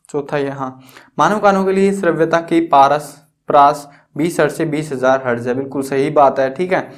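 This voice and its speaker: A young man teaching school science in a chatty, teasing way, asking questions and answering them himself. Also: fairly high pitch. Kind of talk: casual classroom explanation.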